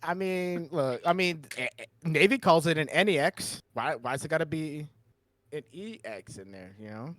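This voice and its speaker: A man's voice: on the high side, animated, moderate pace, a bit bright, no echo. A man co-hosting a podcast in casual chat, rambling and restarting his sentences with frequent chuckles. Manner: rambling, self-interrupting, chuckles often. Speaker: podcast co-host.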